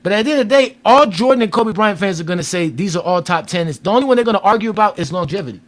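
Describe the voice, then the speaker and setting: A man's voice: high voice, expressive, rapid-fire, fairly bright tone. A man in his forties, host of a sports debate show, arguing insistently and repeating his points. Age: 40s. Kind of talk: heated debate.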